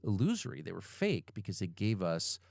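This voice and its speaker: Animated, emphatic man in his fifties. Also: sits low, brisk, vocal fry, dry recording. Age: 50s. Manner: emphatic, animated, swears freely. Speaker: podcast guest. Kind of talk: casual podcast conversation.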